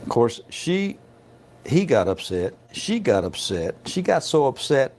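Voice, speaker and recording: A man's voice: mid-range voice, very animated, a little slow, a little mellow, slight background noise. A middle-aged man who inspects trucks at a scale, telling a story in a folksy, chatty way with lots of "you know" asides. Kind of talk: casual storytelling.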